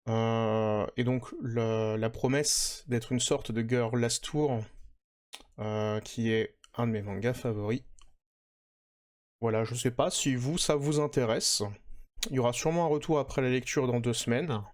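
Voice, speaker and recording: A man's voice: mid-range voice, steady tone, unhurried, darkish tone. A man hosting a casual manga podcast, chatting with lots of hesitations and fillers. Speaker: podcast host.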